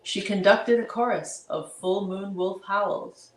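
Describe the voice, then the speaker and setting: A woman's voice: mid-range voice, fairly even intonation, slow pace. A woman reading a rhyming picture book aloud to children, with chatty asides to the kids. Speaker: storybook reader. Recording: roomy echo.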